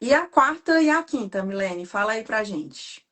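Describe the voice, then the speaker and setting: A woman from Ceará with a Cearense Brazilian Portuguese accent, hosting a casual live interview and telling stories quickly and animatedly. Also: mid-range voice. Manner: fast talker, animated storytelling. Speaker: host.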